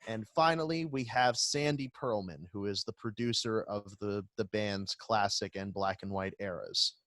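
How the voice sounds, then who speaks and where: A man's voice: lowish voice, normal speed, no room sound. Young man explaining band history, dry sound. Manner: walks through band history in a relaxed, joking way. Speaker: podcast co-host. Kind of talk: casual music review chat.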